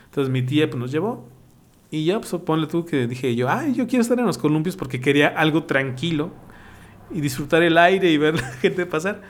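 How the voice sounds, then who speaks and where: A man's voice: on the high side, moderate pace. A man with a Mexican accent, co-hosting a casual podcast and telling childhood stories, laughing often and acting out the voices of people he quotes. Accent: Mexican Spanish. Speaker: podcast co-host.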